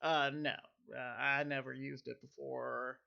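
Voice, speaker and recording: A man voicing a friendly young farm boy, with a put-on, bad southern US accent and a hesitant, halting delivery. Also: mid-range voice, flat delivery, creaky, sharp tone, muffled recording, heavily acted. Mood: wistful.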